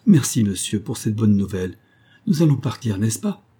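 A man's voice: fairly low pitch, very animated, normal speed, mellow, breathy edge. A man reading as an eager, anxious mother. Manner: urgent, pleading. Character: anxious mother, middle-aged woman, eager.

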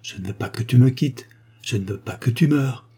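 A man's voice: medium pitch, moderate pace, warm tone, breathy edge. A man playing a despairing old father. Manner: sobbing, pleading. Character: grieving old father, rich industrialist, despairing.

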